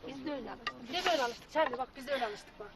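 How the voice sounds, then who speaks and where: A woman giving brisk, coaxing cooking instructions in casual talk. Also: high-pitched, crowd noise. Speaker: host family member teaching cooking. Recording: noisy recording from off-mic.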